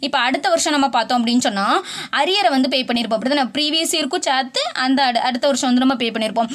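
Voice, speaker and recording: Brief: fast-talking woman tax tutor, high bright pitch, restates rules plainly, video lesson. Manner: mixes English legal terms into Tamil, reads rule text slowly; brisk, repeats points in plain words.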